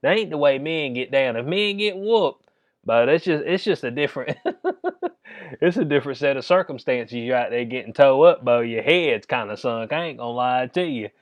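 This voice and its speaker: A man with a Southern American accent delivers casual sports commentary as a comedic rant. His voice sits at a middling pitch, and he talks in slang with an incredulous, chuckling manner. The sound is dry, with very little room in it. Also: expressive, normal speed, no room sound.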